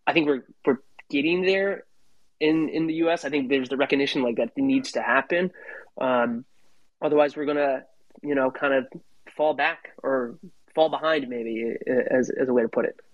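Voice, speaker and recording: Gravelly guy chatting rugby, hedges a lot, kinda muffled dry audio. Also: mid-range voice, no room sound. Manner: measured, hedging, uses fillers. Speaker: podcast co-host. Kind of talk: casual rugby chat.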